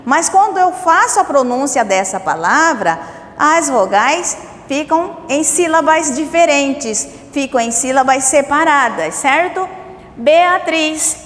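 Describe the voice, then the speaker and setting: A woman's voice: expressive, fairly bright tone. A woman teacher, with a Brazilian Portuguese accent, explaining a lesson to young pupils, asking questions and checking in with "né?" and "certo?". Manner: explains slowly, asks rhetorical questions with frequent "né?" and "certo?". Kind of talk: recorded remote lesson. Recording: roomy, long reverb with faint rumble.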